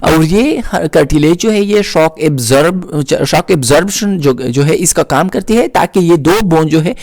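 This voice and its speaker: A man with a Pakistani Urdu accent gives a slow, repetitive nursing lecture over slides, with frequent "uh" fillers. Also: a little high, expressive, darkish tone, no room sound. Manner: explains slowly, repeating terms, with frequent "uh" fillers. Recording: dry close recording.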